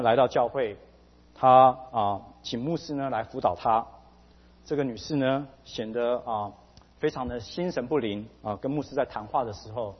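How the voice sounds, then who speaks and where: Husky male preacher in a reverberant hall. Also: mid-range voice. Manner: measured, pausing with frequent fillers. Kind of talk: sermon with anecdote. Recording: dull lo-fi, long hall reverb.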